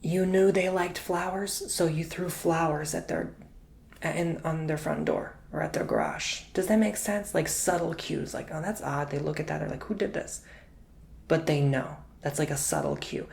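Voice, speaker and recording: A man giving an intimate, chatty ASMR tarot reading, drifting between soft speech and whispers and calling the listener honey. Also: fairly high pitch, expressive, moderate pace, vocal fry. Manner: repeats words for emphasis. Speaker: tarot reader.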